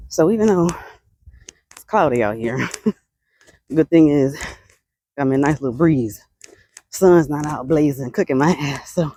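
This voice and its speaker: Chatty low-voiced woman vlogger. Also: a little mellow, husky. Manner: chatty, laughs often, sighs between sentences. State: out of breath while walking. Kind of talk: casual chat. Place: outdoors on a roadside sidewalk.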